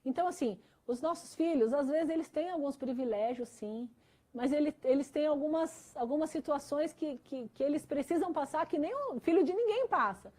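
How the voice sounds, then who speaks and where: A woman's voice: sits high, moderate pace, a little mellow. A woman pastor with a Brazilian Portuguese accent, telling an earnest personal story in an interview, with many fillers. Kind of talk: testimony in a church interview.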